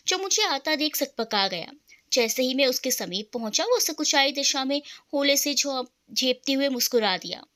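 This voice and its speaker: Bright high-voiced woman narrating a story. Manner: reads every character herself, in a male first-person narrator voice.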